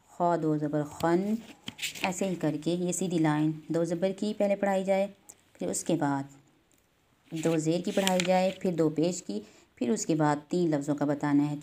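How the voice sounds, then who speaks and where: Patient, low-voiced woman teaching Quran reading. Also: warm tone. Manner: patient, explains step by step with spoken drills. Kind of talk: instructional lesson.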